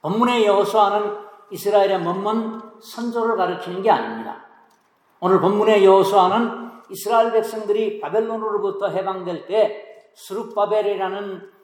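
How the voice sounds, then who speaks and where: High-voiced male pastor preaching in an echoey hall. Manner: preaching with rhetorical questions, emphatic swings in volume. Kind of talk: sermon.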